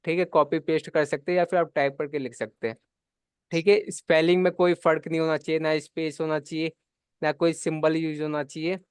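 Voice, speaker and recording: A man's voice: on the high side, flat delivery, fairly quick, clear, resonant tone, dry recording, clean studio sound. A man teaching a live spreadsheet class, explaining steps patiently and checking in often. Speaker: computer class instructor. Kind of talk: live online spreadsheet lesson.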